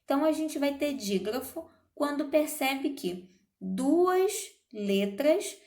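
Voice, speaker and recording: A woman teaching a grammar lesson, speaking deliberately and checking in with her students as she explains. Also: high-pitched, lively intonation, darkish tone, echoey room. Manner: slow, deliberate, checks in with "certo?" and "ok?". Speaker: Portuguese teacher.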